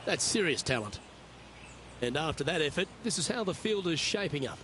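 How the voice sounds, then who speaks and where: A man's voice: fairly high pitch, animated, moderate pace, over loud music, lightly acted. A man playing a golf commentator in a video game, calling each shot. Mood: measured, approving.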